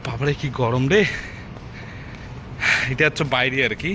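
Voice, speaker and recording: A man from India records a casual walking vlog, chatting to viewers he calls guys and using lots of filler words. He starts outdoors in a city, amid traffic and city ambience, then heads inside a large mosque. His voice is medium-pitched at a normal speed.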